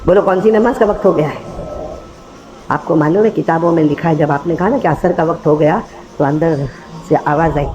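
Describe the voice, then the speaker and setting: A male preacher giving an emotional sermon, quizzing his listeners and rising to shouts. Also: a little high, muffled recording. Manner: call-and-response with the crowd, rising to shouts.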